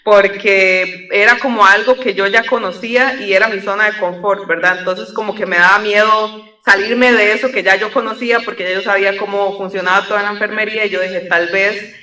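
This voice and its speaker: A woman's voice: medium pitch, brisk. Costa Rican woman on a roomy call. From Costa Rica. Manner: relaxed, reflective, uses many fillers like como and verdad. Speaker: airline pilot guest. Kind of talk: conversational storytelling interview. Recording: roomy echo, distant from the mic.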